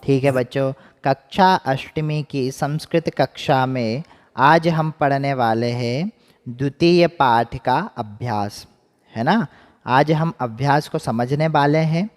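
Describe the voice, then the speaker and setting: A man's voice: medium pitch, long reverb tail, faint music behind. A man teaching a Sanskrit lesson to schoolchildren online, drilling pronunciation word by word and checking in often with the class. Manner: slow, drawn-out pronunciation drills with frequent "है ना?" checks.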